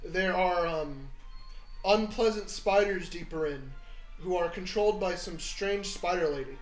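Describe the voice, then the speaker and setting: A man narrating a tabletop game casually as game master, halting as he searches for words. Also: high voice. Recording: roomy, faint music behind.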